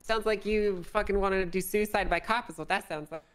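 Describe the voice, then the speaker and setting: A woman's voice: medium pitch, steady tone, brisk. A woman playing a police officer, matter-of-fact and questioning, with casual swearing. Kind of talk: casual in-character conversation.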